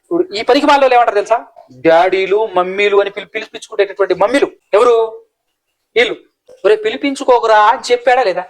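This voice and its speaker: A man preaches in a high, rushing voice. He scolds and fires one rhetorical question after another. The words tumble out at a fast clip. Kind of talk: sermon.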